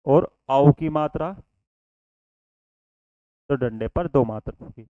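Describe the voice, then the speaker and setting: A man's voice: medium pitch, slow pace, clean tone, no room sound, phone-quality sound. A man teaching a Hindi lesson for exam preparation. He explains each point step by step, often asks his students a question and answers it himself, and keeps saying "okay" to check they follow. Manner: addresses students as children, repeats "ठीक है". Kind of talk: online exam-prep lesson.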